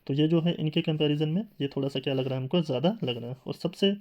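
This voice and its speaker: A man's voice: fairly high pitch, fast talker, a little mellow, dull audio. A man teaching a classroom lecture in tinged speech, explaining step by step with rhetorical questions and filler sounds.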